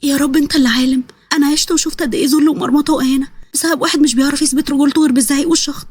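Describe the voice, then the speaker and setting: A woman's voice: high-pitched, steady tone, racing, darkish tone, close to an everyday voice. A woman as a wronged young wife. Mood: pleading. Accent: Egyptian Arabic. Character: hurt, put-upon young wife.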